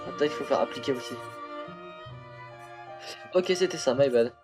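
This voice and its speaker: A tired young man streams a game and rambles casually to his viewers, talking to himself with lots of fillers and laughs. His voice is medium-pitched and his pace is normal, with music playing behind him. A phone serves as the camera and mic.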